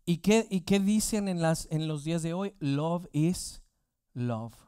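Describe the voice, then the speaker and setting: A man's voice: a little high, expressive, slow, mellow, clean tone, no room sound, clean studio sound. A man preaching a sermon as pastor, asking the congregation rhetorical questions.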